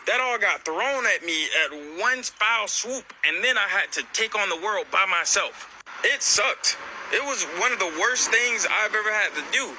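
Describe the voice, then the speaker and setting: A man in his late twenties telling a personal story in the first person, emotional and expressive, stammering when upset. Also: high voice, normal speed, a little hiss or hum, poor audio. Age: late 20s.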